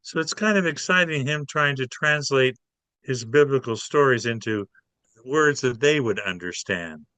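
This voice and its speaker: A man's voice: mid-range voice, moderate pace, bright, forceful tone, dry recording. A man, a playwright guest in an interview, telling stories animatedly and acting out his characters. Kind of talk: casual interview storytelling.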